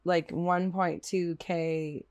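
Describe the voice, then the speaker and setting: A woman's voice: lowish voice, flat delivery, very slow, a little mellow. Laid-back woman rapper chatting. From Canada. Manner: laid-back, frequent laughs and likes. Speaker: rapper guest. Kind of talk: casual podcast chat.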